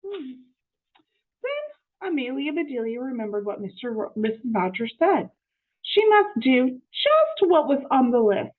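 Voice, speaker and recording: Reading a storybook to young children, a woman uses an expressive, teacher-like delivery full of explanatory asides and questions for her listeners. Her voice sits high and she takes an unhurried pace, heard through phone-quality audio.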